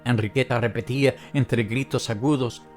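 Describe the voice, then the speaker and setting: A male narrator reads a classic short story in a measured, steady storytelling voice. Soft background music sits quietly under the reading. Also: mid-range voice. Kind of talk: scripted literary narration.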